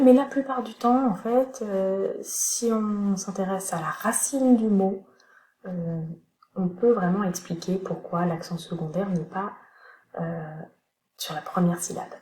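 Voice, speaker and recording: A woman's voice: medium pitch, mellow. A woman teacher explaining a lesson in a chatty way, with many fillers. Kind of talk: recorded classroom lesson. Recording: echoey room with faint noise.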